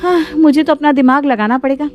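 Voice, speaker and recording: A woman voicing a proud, sharp-tongued elder daughter-in-law who talks down to others in a cartoon story. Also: high voice, brisk, dull audio, a little hiss or hum, pitched above the performer's own voice, natural voice. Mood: scornful. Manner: dismissive and scornful.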